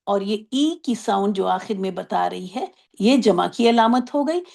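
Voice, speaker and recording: A woman teaching an online Arabic grammar class, explaining patiently, asking if everyone follows, and drawing out example words slowly. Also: medium pitch, animated, creaky, a little mellow. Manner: explains patiently, asks checking questions.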